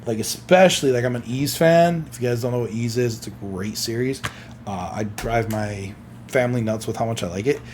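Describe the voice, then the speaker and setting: A man's voice: mid-range voice, fairly quick, darkish tone, a little hiss or hum. A man streaming from home, reading gaming news aloud and breaking in with casual reactions while yawning now and then. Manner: chatty, reacts with exclamations between read-out passages. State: sleepy, yawning.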